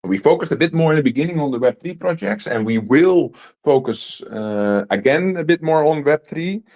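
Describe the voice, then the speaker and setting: A man with a Dutch accent, whose first language is Dutch, hosting a live online panel and pausing often with filler ums. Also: on the high side, expressive, a little mellow. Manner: hesitant, many filler ums. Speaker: host.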